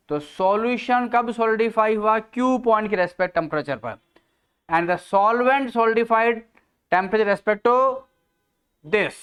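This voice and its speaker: Slow, smooth-voiced Indian man teaching. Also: sits high. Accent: Indian English. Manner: mixes Hindi and English, addresses students as beta; slow, deliberate board explanation with frequent pauses. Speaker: chemistry teacher. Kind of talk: classroom lecture. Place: classroom.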